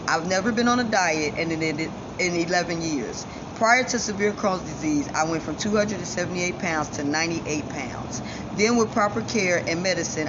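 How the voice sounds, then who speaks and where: A woman from giving a defiant, self-assured personal monologue straight to viewers, her speech shaped by missing front teeth. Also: low voice. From Chicago, United States. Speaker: vlogger. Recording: dull lo-fi sound, loud ambient noise.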